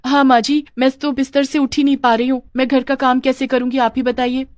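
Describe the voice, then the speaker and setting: A woman's voice: sits high, little pitch movement, fairly quick, no room sound, voice pushed up, lightly acted. A woman doing a whiny, scheming young wife.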